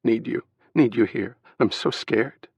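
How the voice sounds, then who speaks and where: A man's voice: mid-range voice, a little slow, creaky, darkish tone, breathy edge, dry recording, muffled recording, pitched above the performer's own voice. A man voicing a sobbing, frightened young wife. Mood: tearful relief. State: crying.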